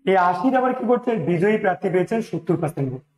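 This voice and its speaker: A man's voice: high voice, lively intonation, rapid-fire, a little mellow, roomy sound, poor audio. A man teaching an exam-prep maths lesson, talking through each sum step by step, with a Bengali accent and English numbers mixed in.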